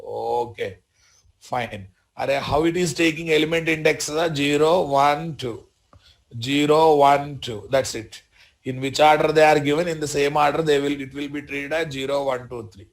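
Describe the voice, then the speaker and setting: A man with a Telugu Indian accent teaches a live software tutorial as an instructor, repeating short phrases and often checking that learners follow. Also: fairly high pitch, fairly even intonation, normal speed, vocal fry. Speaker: programming instructor.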